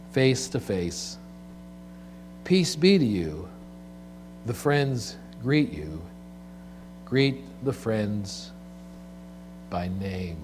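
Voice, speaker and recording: A man delivers a sermon at a pulpit microphone in a medium-pitched voice. His delivery is deliberate and measured, with pauses between phrases. A clear electrical hum runs under the recording. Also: darkish tone. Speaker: pastor preaching to a congregation. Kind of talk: sermon with scripture reading and prayer. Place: church service, speaking from the pulpit. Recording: clear background mains hum.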